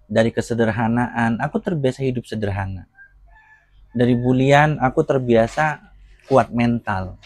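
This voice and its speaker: A middle-aged man, a preacher being interviewed, telling his life story in casual, reflective speech that often drops quieter. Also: medium pitch, measured pace, no room sound. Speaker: guest, convert preacher.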